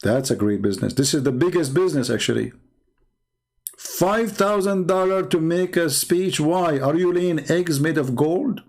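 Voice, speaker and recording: Speaking at a normal speed in a somewhat high, slightly mellow voice, a man from the Middle East runs a laid-back live stream. He's a native Arabic speaker with the accent to match, a religious apologist whose sarcastic, mocking delivery leans on repeated phrases for emphasis.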